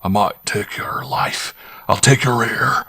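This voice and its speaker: A man doing a stern, deep-voiced phantom. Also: gravelly, bright, forceful tone, dry recording, exaggerated voice. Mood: menacing. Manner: stern, slow, menacing.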